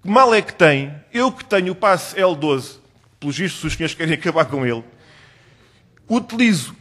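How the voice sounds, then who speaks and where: A man's voice: on the high side, animated, normal speed, fairly bright tone. A man from Portugal with a European Portuguese accent, a member of parliament pressing a minister with insistent, rhetorical questions at a hearing.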